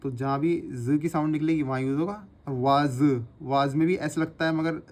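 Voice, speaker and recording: A man teaching a shorthand lesson, his voice a little higher than most men's. He talks patiently and repeats each sound slowly as he writes it out. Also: darkish tone. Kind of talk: instructional lesson, repeating drills aloud.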